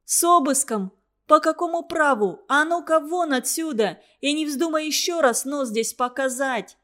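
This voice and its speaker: A woman reading aloud, voicing a sharp-tongued young female student who scolds indignantly. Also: sits high, moderate pace, voice pushed up.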